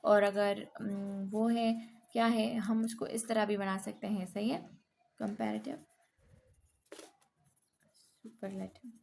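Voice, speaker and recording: A woman's voice: medium pitch, level tone, takes it slowly, creaky, long pauses, a little mellow, a little hiss or hum. A woman teaching English grammar to beginners, explaining patiently, often checking in and correcting herself.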